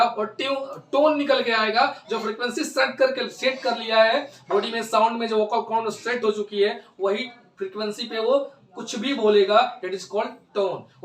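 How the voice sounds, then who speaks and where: A male teacher with a very high voice, lecturing a class, who keeps asking questions and answering them himself. He reads definitions out slowly and repeats his key words. He sounds set back from the mic in an echoey room. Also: a bit bright, recorded from a distance. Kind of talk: Hindi physics class lecture.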